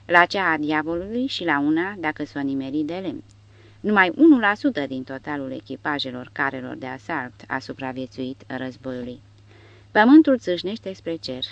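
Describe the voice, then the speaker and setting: A woman narrating an audiobook in a dramatic, expressive reading style. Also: sits low, no room sound. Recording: dull dry recording.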